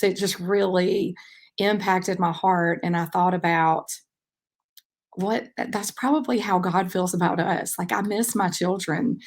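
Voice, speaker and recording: Soft-spoken woman podcast host, even tone. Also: lowish voice. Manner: relaxed, reflective, many ums. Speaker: podcast host and track coach. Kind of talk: casual faith-based podcast monologue.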